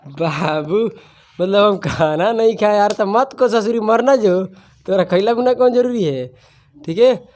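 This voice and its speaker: A man teaching maths to a class, mixing the lesson with joking, scolding asides. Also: sits high. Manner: teasing, scolding, playful dialect asides.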